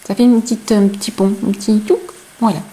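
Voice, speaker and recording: A woman with a non-native French accent, teaching crochet step by step and counting stitches aloud in a chatty, soft-spoken way. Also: medium pitch, fairly even intonation, a little fast, low-quality recording. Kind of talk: slow step-by-step tutorial.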